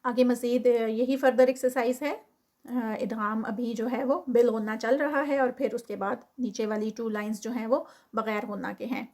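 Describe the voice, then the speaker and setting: A woman with a Pakistani Urdu accent teaching Quran recitation, who recites words slowly and drawn out, then explains quietly and quickly. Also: on the high side, steady tone. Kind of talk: tajweed lesson, explaining and reciting.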